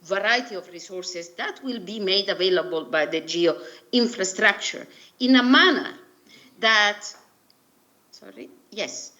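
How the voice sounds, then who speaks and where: A woman from Italy with an Italian accent gives a formal, haltingly phrased presentation over a video call. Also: medium pitch, expressive, pushed and bright. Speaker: presenter at an online workshop. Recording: dull, muffled video-call audio.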